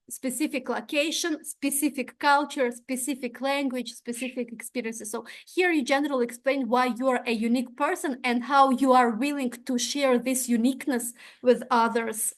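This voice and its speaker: A young adult woman from Tajikistan, a native Russian speaker with a high voice, walks through an exchange program application. She gives this instructional presentation step by step, often adding "uh" and checking with "right?"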